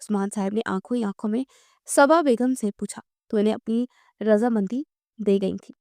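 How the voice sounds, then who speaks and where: A woman narrating a romantic novel aloud in a steady storytelling read. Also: mid-range voice, normal speed, creaky, no room sound, clean studio sound.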